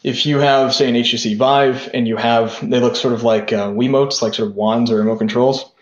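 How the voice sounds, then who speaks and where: A man's voice: mid-range voice, fairly even intonation, a little fast. A young man being interviewed on a podcast, talking in a loose rambling way full of "sort of" and "like". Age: young adult. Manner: rambling, lots of "sort of" and "like" fillers. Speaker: podcast guest, tech founder. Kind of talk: casual interview talk. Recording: roomy, dull lo-fi sound.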